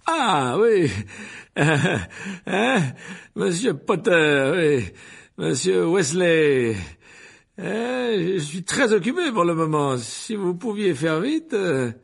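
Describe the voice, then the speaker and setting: A man voicing a vain, evasive male wizard teacher who stammers, with nervous laughs and fillers, in a gravelly husky voice. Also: sits high, very animated, takes it slowly, voice pushed up, full character voice. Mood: flustered.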